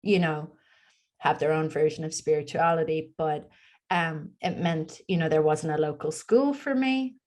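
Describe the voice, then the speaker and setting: A woman's voice: low voice, normal speed, darkish tone. A woman in her forties with a Dublin Irish accent, chatting openly as a podcast guest with plenty of ums and likes. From Ireland. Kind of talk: casual interview chat.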